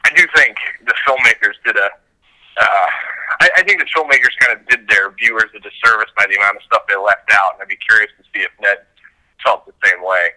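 Guy rambling on a podcast, lots of you knows, low-ish voice, super bright tone. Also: fairly quick, low-quality recording. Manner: rambling, heavy on filler words. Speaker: guest baseball reporter. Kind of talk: casual podcast chat by phone.

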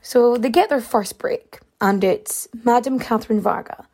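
Unhurried and chatty, a woman with a soft, mellow, fairly high voice works through a casual story, dropping plenty of fillers. Her pitch leaps up and down as she warms up, while her voice wears thin and turns a bit hoarse from losing it.

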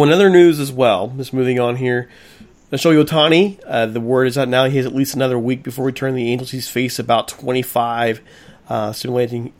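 A man hosts a sports talk radio show with a gravelly, fry-laden voice. He speaks directly and calls his listeners folks. His pitch stays in a middle range.

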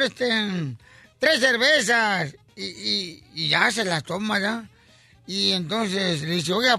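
A man's voice: high voice, vocal fry, sharp tone. A man hosting a comedic morning radio show, joking and teasing callers.

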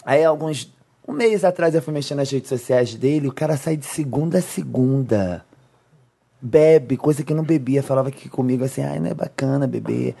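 A woman's voice: rumbling low, normal speed, breathy edge. A woman on a talk show panel, telling stories in casual chat and mocking what she hears. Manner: animated, mocking, laughs while telling stories.

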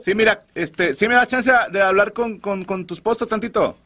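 A Mexican man hosting a comedy podcast, telling stories loudly with crude slang and jokes. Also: high-pitched, moderate pace. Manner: crude, animated, joking slang. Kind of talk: loud comic storytelling.

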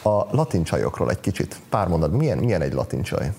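Low mellow-voiced man asking questions. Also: big pitch swings, gravelly, in a large hall. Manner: prompting, asking short questions. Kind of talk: casual chat.

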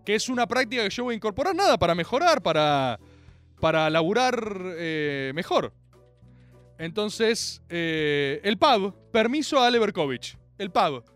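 Rioplatense male host, high lively voice, theatrical slangy rant, faint music behind. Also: a little slow. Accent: Rioplatense Spanish. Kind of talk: comic monologue.

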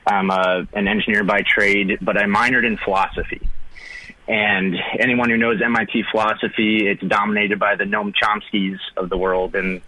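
A man's voice: on the low side, level tone, normal speed, sharp tone, dry recording, low-quality recording. A man, calling in to a radio show and explaining earnestly with many fillers. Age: 30s. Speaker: caller.

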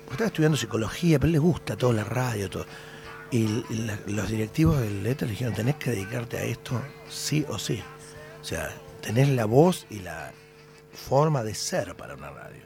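A man's voice: lowish voice, expressive, a little fast, vocal fry, a little mellow, faint music behind. A middle-aged man with an Argentine Spanish accent, a singer chatting as a radio guest, telling stories with animation and trailing off into hesitations. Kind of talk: casual radio interview chat.

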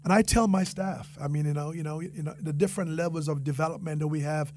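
There's a quick pace to this man's high, darkish, steady voice as he answers in a conversational interview. A restaurant franchisee and entrepreneur with a Jamaican accent, he comes across as earnest, often repeating phrases for emphasis.

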